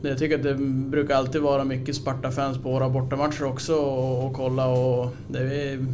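A Swedish-accented man answers interview questions casually, as a player would. His voice sits at a middle pitch with little melody, over slight background noise. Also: level tone. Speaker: ice hockey player being interviewed.

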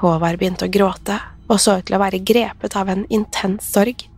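A woman narrating a horror story in a measured, suspenseful way. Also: mid-range voice, darkish tone.

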